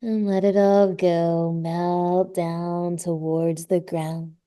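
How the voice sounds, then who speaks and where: A woman guides a yoga class at an unhurried pace, her voice soft and mellow. She stretches out her breath cues and talks people gently through each pose. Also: fairly low pitch, flat delivery, clear, resonant tone. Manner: slow, soothing cues with drawn-out breath prompts. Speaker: yoga instructor. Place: live class space.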